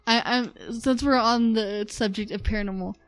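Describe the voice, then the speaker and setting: A woman's voice: a little high, fairly even intonation, moderate pace, soft background music. A woman hosting a casual podcast, telling a story from notes in a chatty way, with some fillers. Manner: narrates from notes, chatty with laughs. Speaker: podcast host.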